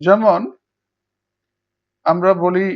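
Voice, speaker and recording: This dull lo-fi recording captures a male teacher giving a Bengali lecture on English prosody, walking students through it step by step with worked examples. His voice sits high, his tone is steady, and he speaks extremely slowly.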